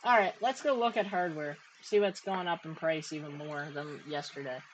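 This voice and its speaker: A woman's voice: low-pitched, moderate pace, a little hiss or hum, poor audio. A woman from Canada with a Canadian accent, hosting a casual chat and talking through her thoughts as she goes. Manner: chatty, laughs often, thinks aloud. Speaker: crypto mining streamer host.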